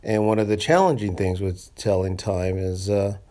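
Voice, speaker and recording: A man with a lowish voice gives a casual screencast lesson. He talks conversationally and slows right down to drill short phrases. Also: mellow. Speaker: Spanish teacher. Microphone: screencast voice recording.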